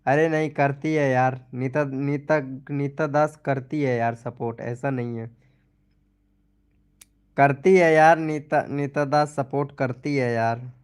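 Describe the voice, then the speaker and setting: A man's voice: mid-range voice, fairly even intonation, slow, clear, resonant tone. A young man hosting a casual live stream, chatting and teasing viewers by name while reading their comments. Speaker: live stream host promoting channels.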